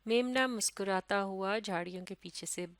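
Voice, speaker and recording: A woman's voice: medium pitch, moderate pace, no echo. A woman from Pakistan teaching a lesson. She reads a children's story line by line, then explains each line with small hesitations. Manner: slight hesitations with "uh".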